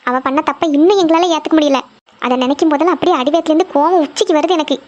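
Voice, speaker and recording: A woman's voice: sits high, racing, a little mellow, dull audio, natural voice. Lady playing a strict cartoon mom, lectures and threatens nonstop. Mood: scolding. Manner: scolding, lecturing. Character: stern middle-aged mother, strict and threatening.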